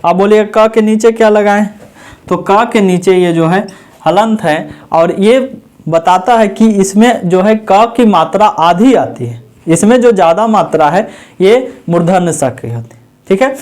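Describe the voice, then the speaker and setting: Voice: medium pitch, expressive, unhurried, a little mellow. A grammar teacher at a board, asking the class questions and answering them, repeating each term several times. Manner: repeats key sounds and terms several times. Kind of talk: exam-prep grammar lesson at a board. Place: teaching room with a writing board.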